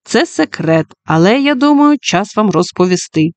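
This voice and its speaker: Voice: mid-range voice, sing-song, normal speed, no echo. A storybook reader voicing a friendly male schoolteacher who shares happy news with his class in an upbeat tone, heard dry and close. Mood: cheerful.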